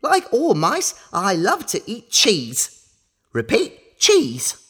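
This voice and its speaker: For a children's story used as a listening exercise, a woman plays a boastful, gleeful magical mouse who collects teeth, exclaiming and giggling like an overbright party host. Her mid-range voice swings hugely in pitch and moves slowly, excited and playful, with slight background noise.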